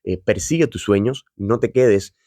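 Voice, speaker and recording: In a fairly low, dark voice and a somewhat slow delivery, a man reflects earnestly to camera, admitting his nerves about video while encouraging the viewer. He's a motivational video host, recorded at studio quality with no room sound.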